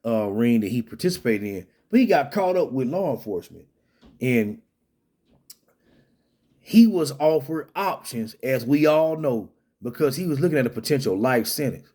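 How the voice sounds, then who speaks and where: A man's voice: mid-range voice, animated, normal speed, dark tone. Man rambling through casual commentary. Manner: rambling, many restarts and fillers.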